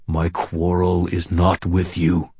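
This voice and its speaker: A man voicing an enormous horned male fae creature who rumbles in stiff, archaic, formal speech in an audiobook. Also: monotone, slow, warm tone, slightly rough, no echo, full character voice. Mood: menacing. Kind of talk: audiobook character voice.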